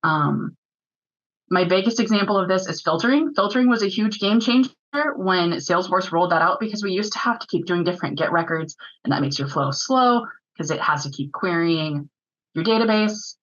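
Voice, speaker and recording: A woman presenting to a user group, rattling off her points quickly and casually with plenty of filler words. Her voice sits fairly low for a woman. The sound is dull and lo-fi, like online meeting audio. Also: fairly bright tone. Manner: fast-talking, chatty with filler words. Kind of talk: technical presentation.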